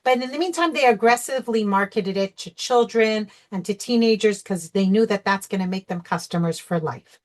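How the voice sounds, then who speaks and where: A woman's voice: medium pitch, fairly quick, few pauses. A woman coach leading an online workshop over a video call, talking conversationally and checking in with "okay?" and "you know". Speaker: sugar-free recovery coach. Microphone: video call microphone.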